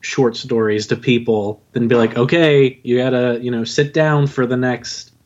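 An audio drama writer and narrator, appearing as a podcast guest, chats casually about his own writing and pokes fun at himself. His mid-range, darkish voice keeps a fairly even intonation at a moderate pace. The recording sounds muffled.

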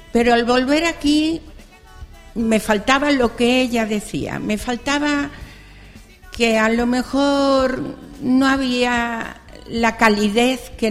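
Speaking with a voice on the high side, an older woman from Extremadura, Spain, offers a spontaneous testimony at a public event, where she's an audience member and senior university student. She talks earnestly and chattily into a handheld microphone passed around the room, repeating phrases. The audio carries hall reverb and faint music.

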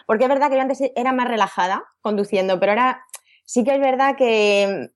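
A woman's voice: fairly high pitch, a little fast. A woman, a guest podcaster in casual chat, chatty and laughing.

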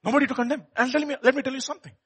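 A man's voice: extremely high pitch, fairly even intonation, rapid-fire, a bit bright, husky. A man with an Indian accent preaching with personal testimony, emphatic and dramatic, repeating words and putting rhetorical questions to his listeners. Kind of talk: animated sermon with personal testimony.

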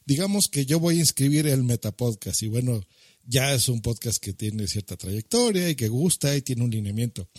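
A man's voice: mid-range voice, a little mellow, no echo, studio quality. A man co-hosting a podcast, explaining the event rules in casual chat with lots of fillers.

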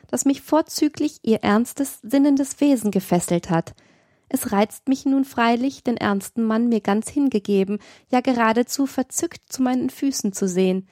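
A proud young lady with a sharp, commanding edge, as a woman reads her in an audiobook. Her tone is warm and mellow, heard close and dry. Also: fairly high pitch, dry recording, close to an everyday voice. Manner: sharp, imperious speech. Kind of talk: audiobook reading.

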